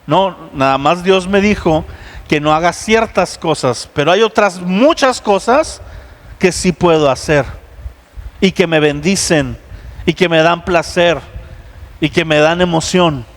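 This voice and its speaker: Man, Mexican Spanish accent, pastor's sermon, high voice, long echoey hall. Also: a little slow. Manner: animated storytelling, acting out biblical dialogue. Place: church sanctuary.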